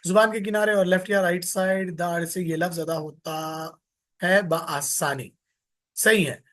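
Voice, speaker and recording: A man's voice: high-pitched, fairly bright tone. A man teaching an online tajweed lesson, repeating letter sounds over and over for his students to copy. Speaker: Quran recitation teacher.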